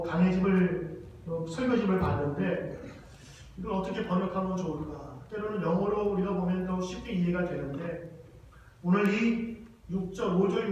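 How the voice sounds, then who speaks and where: Korean pastor preaching in an echoey hall. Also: male voice, high-pitched, a little mellow, muffled recording, a little hiss or hum. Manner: slow, emphatic scripture reading. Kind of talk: sermon. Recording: echoey church hall from far off.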